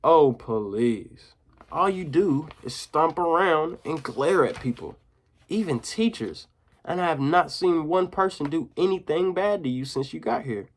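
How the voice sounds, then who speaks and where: A man doing a bossy, sharp-tongued young girl. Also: on the high side, expressive, measured pace, voice pushed up. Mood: pressing. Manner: blunt and teasing.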